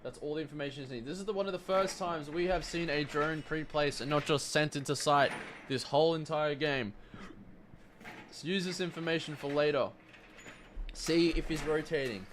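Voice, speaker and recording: With a slightly high voice at a moderate pace, a man provides play-by-play for an esports shooter match, swinging between tense build-up and excited calls in caster style. A little hiss or hum is audible.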